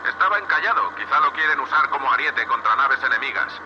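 A man with a Castilian Spanish accent plays a gruff, blunt, foul-mouthed space salvage boss in a sci-fi audio drama, sounding awed and excited by alien tech. His mid-range voice is fast, with lively intonation. A radio comms filter makes it sound like a muffled, noisy space-suit radio link.

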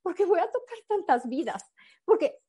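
Woman putting on a high, sobbing, elated young woman. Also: normal speed. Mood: tearful excited. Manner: sobbing and gushing with excitement. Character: tearful, overjoyed young woman, the speaker's sister.

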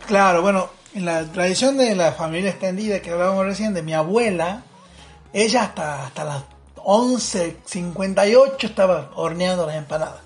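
A man in a casual chat, talkative and laughing often, speeding up in quick bursts. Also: high voice, soft background music.

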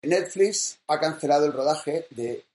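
A man's voice: fairly high pitch, measured pace, a little mellow, echoey room. A man co-hosting a casual chat show, reading news items in a conversational way. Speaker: co-host. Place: small room at home.

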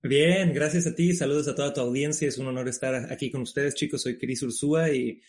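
A man's voice: medium pitch, fairly quick, a loud crowd. Mexican man, 30s, guest; easygoing, blunt, casual swearing. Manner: relaxed, frank, swears casually. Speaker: guest entrepreneur. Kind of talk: casual interview.

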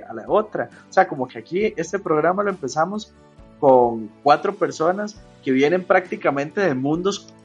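A man's voice: a little high, slightly rough, highs cut off. A man co-hosting the program, enthusiastic and piling up emphasis. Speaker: podcast co-host.

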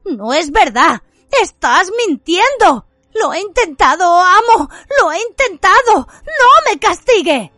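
A woman voicing a cruel, fanatical witch who screeches her lines in a high, shrill voice. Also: very animated, slow, bright, forceful tone, dry recording, faint music behind, heavily acted. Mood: frantic.

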